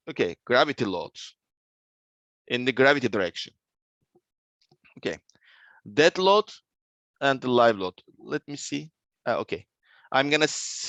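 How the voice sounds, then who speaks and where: A man with a Turkish accent lecturing to students in a halting way, repeating key terms as he explains. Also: medium pitch, fairly bright tone, no echo. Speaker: civil engineering lecturer.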